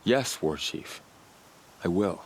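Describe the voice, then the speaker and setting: Varl, a deep-voiced young warrior. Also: male voice, animated, takes it slowly, a little hiss or hum, full character voice. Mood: dutiful. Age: young adult. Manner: earnest, formal, dutiful. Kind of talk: dramatic video game acting.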